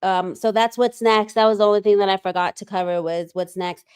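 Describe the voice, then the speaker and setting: Woman, livestream host, casual chat, smooth clear voice, reads comments aloud, lots of ums. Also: medium pitch, steady tone, brisk, darkish tone.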